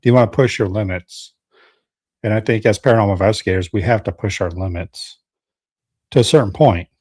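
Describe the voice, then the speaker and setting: Low-voiced podcast host, dry sound. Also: male voice, a little fast, slightly rough, dry recording. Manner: relaxed, reads out chat comments. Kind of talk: casual interview.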